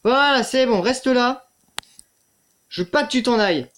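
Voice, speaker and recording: A man commentating his own let's play with a lively, bouncing voice that jumps between low mutters and high yelps. He swears freely and talks straight to the on-screen threats, with a faint hiss of noise behind him. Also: a little slow. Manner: swears a lot, mutters to the game, yelps when startled.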